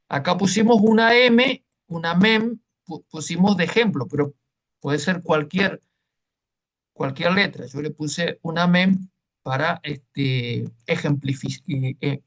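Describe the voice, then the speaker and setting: A man's voice: a little high, a bit bright. A man teaching a Hebrew class online, explaining patiently and checking in with listeners as he goes.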